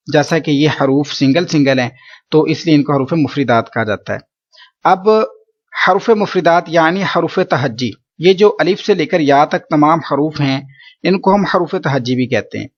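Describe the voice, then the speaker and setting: A man's voice: a little high, dull audio. A man teaching Quran recitation rules in a patient, explanatory lesson, often repeating points to check understanding.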